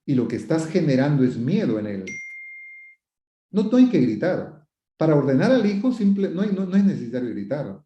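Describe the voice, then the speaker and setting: A slightly high male voice with big pitch swings, normal speed and a dark tone carries a little hiss or hum. He's a psychotherapist giving advice in reply to viewers, repeating points, asking rhetorical questions, quoting questioners and acting out sample phrases. The recording sounds roomy, dull and lo-fi.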